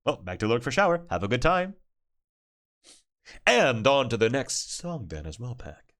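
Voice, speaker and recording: A man's voice: medium pitch, big pitch swings, moderate pace, a bit bright. A man from Argentina, chatting casually and playfully with his stream chat and swearing freely.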